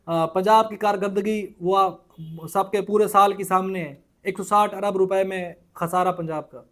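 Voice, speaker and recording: A man from Punjab, Pakistan, giving indignant political commentary in a vlog, asking rhetorical questions and often pausing with hesitations. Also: high-pitched. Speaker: political vlogger.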